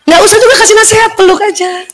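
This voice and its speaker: A woman giving a lively religious talk to an audience of women, acting out quoted dialogue and laughing often. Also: extremely high pitch, very fast, low-quality recording. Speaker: religious lecturer.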